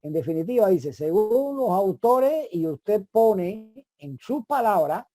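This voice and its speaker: A woman giving an online course lecture, explaining step by step with frequent restarts and pauses. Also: medium pitch, very animated, warm tone.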